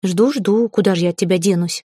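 A woman voicing a sleepy, deadpan young blond man who answers without a smile. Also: lowish voice, a little fast, slightly rough, dry recording, studio quality. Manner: deadpan, melancholy.

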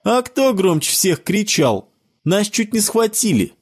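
A man voicing a squeaky, indignant ten-year-old boy in an audio story. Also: sing-song, measured pace, breathy edge, heavily acted. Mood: scolding. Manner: shrill, shouting.

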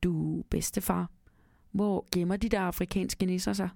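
A woman's voice: on the low side, steady tone, gravelly, warm tone, no echo, studio quality. A woman voicing a curious young boy in a storybook reading, eagerly asking his grandfather questions.

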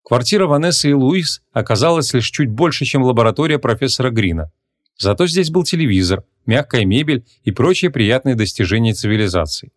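A man reading a humorous fantasy audiobook as narrator, measured and even. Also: mid-range voice. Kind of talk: scripted narration.

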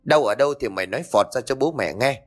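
A man voicing a middle-aged husband who scolds in quick, irritable bursts. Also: medium pitch, expressive, close to an everyday voice. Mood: irritated. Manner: fast, snappish scolding.

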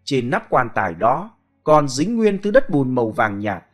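A man reading a ghost story aloud in a dramatic, expressive way. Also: mid-range voice, normal speed, soft background music. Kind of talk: scripted storytelling.

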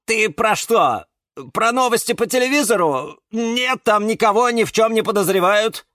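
A man's voice: high-pitched, expressive, normal speed, fairly bright tone, dry recording, clean studio sound, voice pushed up. A man voicing a melodramatic, whiny male Venus flytrap in a storybook. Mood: curious. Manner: whiny, tearful.

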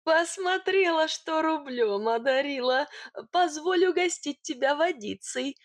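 A woman's voice: high-pitched, expressive, a little slow, voice pushed up. A woman voicing a scrawny village man who is first rude and gabbling, then sugary and lovesick. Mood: cooing.

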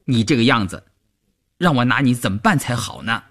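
A man's voice: medium pitch, animated, brisk, fairly bright tone. A man voicing a good-natured teenage boy soldier who likes to tease, in a raised boyish voice for a storybook reading. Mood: sighing.

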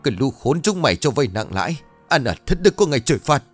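A man voicing an angry older father who shouts and curses in an audio ghost story. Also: mid-range voice, sing-song, fast talker, faint music behind, pitched above the performer's own voice. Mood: enraged. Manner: shouting, defiant.

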